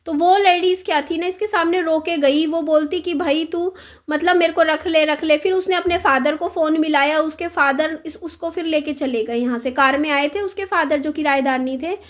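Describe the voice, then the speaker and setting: A woman's voice: high voice, moderate pace, few pauses. A woman vlogger telling a neighborhood story in a casual, chatty way, repeating herself and acting out the quoted dialogue.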